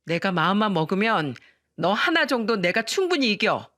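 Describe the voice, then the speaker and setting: A woman's voice: lowish voice, animated, moderate pace, no echo, studio quality. A woman voicing a long-suffering mother who turns fierce in defense of her children, in a dramatized radio story. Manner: sharp, scolding outbursts.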